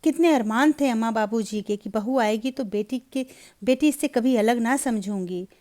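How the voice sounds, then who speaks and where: A woman voicing a calm, steady young husband in a Hindi storybook reading, with a soft, warm voice. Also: on the high side, moderate pace, lightly acted.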